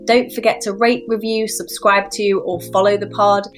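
A woman's voice: medium pitch, level tone, moderate pace, faint music behind. An English woman hosting an advice podcast on codependency, talking in a casual, chatty way and swearing and laughing easily. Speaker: podcast host and codependency coach. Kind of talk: podcast monologue giving advice.

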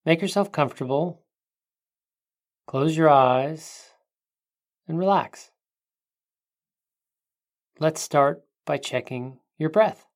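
Gravelly-edged, soothing meditation guide. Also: mid-range voice. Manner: soothing, unhurried, gentle instructions with long pauses. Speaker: meditation guide, podcast host.

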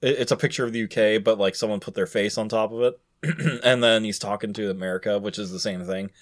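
A man's voice: lowish voice, steady tone, quick pace. A man co-hosting a podcast, chatting casually and explaining things in a conversational way. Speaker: podcast co-host.

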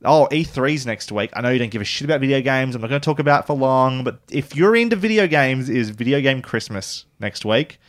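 A man hosting a podcast, chatting casually and reviewing a TV season with quick, joking asides. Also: mid-range voice, lively intonation. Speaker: podcast host.

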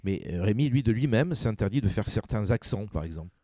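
A man's voice: fairly low pitch, animated, fairly quick, mellow, dry recording. A man in casual podcast conversation, talking emphatically in long run-on stretches full of restarts. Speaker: radio humor station programmer.

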